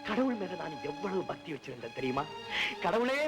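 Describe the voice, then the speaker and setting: A man's voice: a little high, sing-song, low-quality recording. An actor playing a grief-stricken young man mourning his doomed father, in a declamatory, emotional manner. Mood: grieving, anguished. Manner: declamatory, emotional, with long drawn-out pleading lines. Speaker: film actor. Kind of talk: 1960s Tamil film melodrama. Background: film score music.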